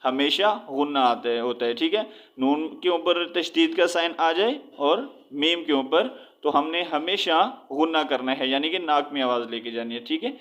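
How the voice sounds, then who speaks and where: A man teaching Quran reading, spelling out letters and drawing words out slowly between explanations. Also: fairly high pitch, a bit bright. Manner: drawn-out recitation of words, explaining with repeated checks. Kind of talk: slow spelled-out recitation lesson.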